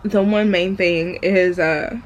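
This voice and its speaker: A woman talking candidly in a raw personal vlog, hesitant and halting as she confides in viewers. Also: fairly low pitch, fairly even intonation. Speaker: vlogger. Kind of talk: raw confessional vlog talk.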